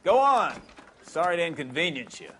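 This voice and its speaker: An actor playing a bossy, curt police captain barking orders in a 1940s police drama game. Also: male voice, a little high, moderate pace, fairly bright tone, slight background noise, lightly acted. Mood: brusque, impatient.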